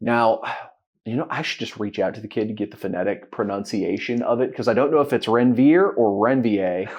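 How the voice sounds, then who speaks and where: A man's voice: fairly low pitch, quick pace, husky. A man co-hosting a sports podcast in casual chat. He jokes around and laughs easily. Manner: joking and chatty, laughs easily. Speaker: podcast co-host.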